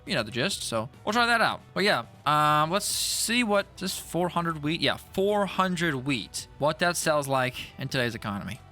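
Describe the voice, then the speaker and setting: A man's voice: on the high side, very animated, moderate pace, few pauses, sharp tone, soft background music. Jittery young man rambling over gameplay. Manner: rambling, stuttery, self-talk with repeated words. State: jittery from an energy drink. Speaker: gaming YouTuber. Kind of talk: casual gameplay commentary.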